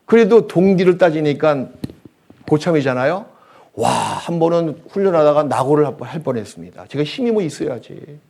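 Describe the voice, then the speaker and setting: A male pastor preaching a sermon in a church, telling anecdotes with humor and swinging between loud bursts and quiet asides. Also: on the high side. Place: church hall.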